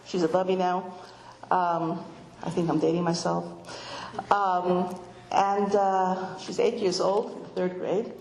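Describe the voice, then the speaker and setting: A middle-aged woman giving an informal talk to women, telling stories with animation and voicing children in a high pitch. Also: level tone, slow pace, darkish tone. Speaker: speaker addressing a women's audience. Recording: echoey room with faint noise.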